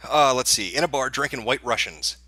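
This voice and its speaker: A man's voice: mid-range voice, lively intonation, fairly quick, sharp tone, dry recording. A man hosting a live election-night stream, chatting casually and reacting with sarcasm and profanity. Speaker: livestream host.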